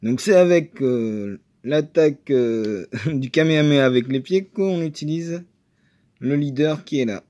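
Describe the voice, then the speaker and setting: A man chatting casually while opening trading card boosters, excitable and full of hesitations. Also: fairly high pitch, a little slow. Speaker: card game video maker.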